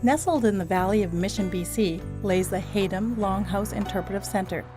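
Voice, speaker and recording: Woman doing a calm, informative travel-show voiceover, music playing under her. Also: medium pitch. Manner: measured, informative. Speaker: documentary narrator. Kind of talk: scripted travel narration.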